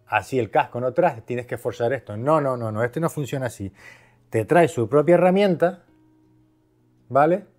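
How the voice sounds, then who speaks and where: A Spanish video host reviews a product in a casual, conversational way, raising questions and answering them himself. He has a medium-pitched, slightly mellow voice at normal speed, and faint music sits behind him.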